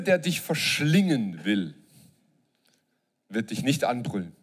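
A man preaching a sermon to a live congregation, joking and asking the audience questions. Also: medium pitch. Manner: lively, jokes and asks the audience questions.

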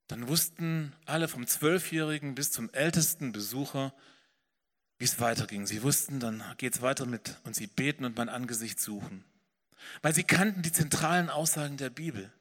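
A man preaching a sermon as pastor, earnest and swelling then dropping soft. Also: medium pitch, big-room sound. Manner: earnest preaching, rising and falling in intensity.

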